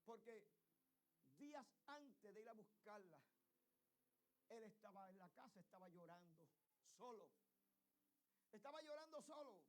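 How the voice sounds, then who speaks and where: A man preaching a sermon in church, telling a story with passion and swinging from hushed tones to shouting. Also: high voice.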